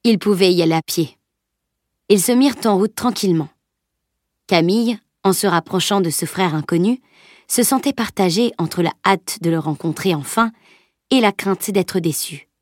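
An audiobook narrator with a low voice and darkish tone reads a novel at normal speed as scripted narration. The recording is dry with clean studio sound.

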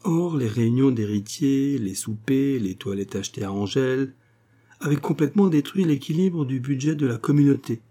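A man reading a classic novel aloud as an audiobook narrator, in a measured, even storytelling manner. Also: mid-range voice. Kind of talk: scripted literary narration.

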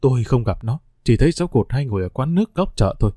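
A man voicing a gentle elderly country aunt who talks slowly and softly. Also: mid-range voice, expressive, dry recording, clean studio sound, natural voice.

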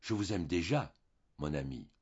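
A timid young bride in an audiobook, her words hushed and held back, put on by a male reader. The voice stays low and husky. The recording sounds dull and muffled. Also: lively intonation, moderate pace. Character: shy young bride on her wedding night.

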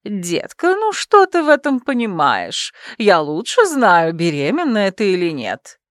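Lady reading as a loud bossy werewolf mom, slow and pushy, dry close sound, audiobook. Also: medium pitch, huge pitch swings, no echo. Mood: insistent. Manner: loud, commanding, slow and emphatic. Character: stern domineering werewolf clan matriarch, middle-aged woman.

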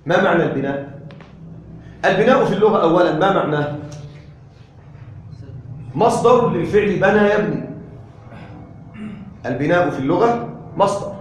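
A man teaching Arabic grammar to a class. He keeps asking whether his students follow and repeats key terms slowly. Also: high voice, lively intonation, lo-fi sound, a little hiss or hum. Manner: checks understanding with frequent questions to the class. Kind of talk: classroom lesson. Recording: echoey room, voice from a distance.

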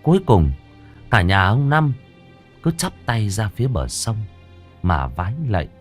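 A man narrating a Vietnamese-style ghost story in a lively, dramatic way. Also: fairly low pitch, a little slow. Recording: dry close mic with soft music.

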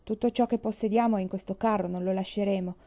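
A man's voice: high-pitched, steady tone, quick pace, mellow. A woman doing a weary, stubborn settler. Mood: resigned. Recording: muffled lo-fi recording.

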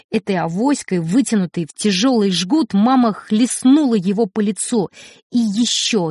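A woman audiobook narrator reading a story in a measured, expressive way. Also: mid-range voice, no room sound. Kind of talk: scripted narration. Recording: dry studio recording.

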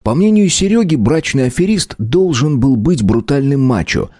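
A man narrating an audiobook with an expressive reading. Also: mid-range voice, normal speed, dry recording, studio quality.

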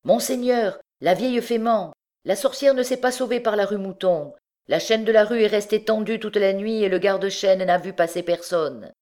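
A woman's voice: mid-range voice, moderate pace, a little mellow, voice pushed up, close to an everyday voice. A woman reading an audiobook, voicing an eager male soldier who reports in a raised, urgent voice.

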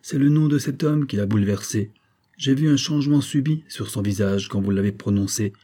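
A man's voice: medium pitch, brisk, mellow, natural voice. A man voicing a jealous young baronet in an audiobook, speaking intensely and earnestly. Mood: menacing.

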